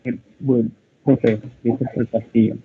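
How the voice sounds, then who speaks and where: A man's voice: medium pitch, level tone, unhurried, a little hiss or hum. A young man, a student, answering his teacher hesitantly with fillers. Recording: tinny dry phone-like call line.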